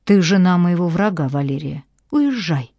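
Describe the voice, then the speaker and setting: A woman's voice: lowish voice, animated, moderate pace, dark tone, no room sound, highs cut off. A woman voicing a cold, harsh grown man. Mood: cold, hostile. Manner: curt and hostile. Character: harsh, cold adult man, bitter ex-convict.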